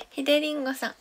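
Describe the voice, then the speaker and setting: A young woman hosting a casual livestream, chatting and thanking viewers by name, sometimes dropping to a soft whisper, on a close mic indoors. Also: high voice, a little hiss or hum. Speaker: idol livestream host. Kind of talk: casual livestream chat reading comments.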